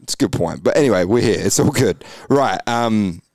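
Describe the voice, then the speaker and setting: A man hosting a casual motocross podcast, chatting in quick bursts with lots of fillers. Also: fairly low pitch, animated, darkish tone, dry recording. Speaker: podcast host.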